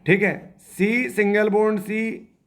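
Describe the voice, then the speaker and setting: Brief: male chemistry teacher, high voice, quizzes the class, slow step-by-step. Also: fairly even intonation, a bit bright. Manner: asks the class questions and repeats answers; spells out structures slowly, step by step. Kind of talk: classroom lecture.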